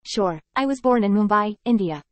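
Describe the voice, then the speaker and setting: A woman saying short English sentences for learners, repeating each phrase three times in a careful, even delivery. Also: medium pitch, moderate pace, no echo. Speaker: model speaker for English learners. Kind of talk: slow repeated example sentences.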